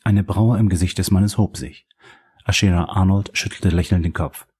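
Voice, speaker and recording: A man narrating a crime novel as an audiobook, in a steady, measured reading voice. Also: low voice, slightly rough.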